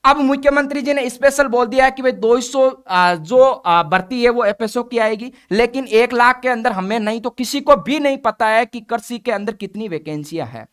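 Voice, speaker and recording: A man's voice: extremely high pitch, lively intonation, moderate pace, hardly any pauses, fairly bright tone, clear, resonant tone. A man, an exam coaching teacher speaking bluntly and directly to his viewers in a conversational update talk.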